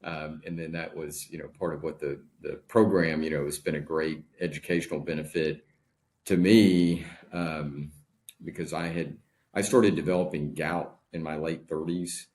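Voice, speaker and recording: A man in his forties speaking as a guest in a casual interview, in a measured, deliberate way. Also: extremely low pitch, level tone, darkish tone. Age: 40s. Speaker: podcast guest.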